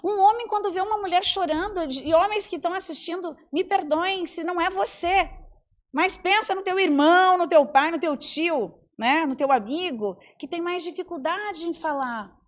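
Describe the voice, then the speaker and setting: A woman in her forties, a psychologist and mentor, talking in an animated way on a podcast and acting out the voices she quotes. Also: extremely high pitch, moderate pace. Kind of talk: podcast conversation.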